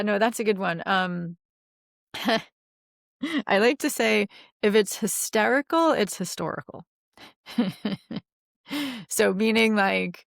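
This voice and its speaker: A woman's voice: medium pitch, gravelly, dry recording, studio quality. A middle-aged woman coaching on relationships in a podcast interview, chatty, with many fillers and easy laughs.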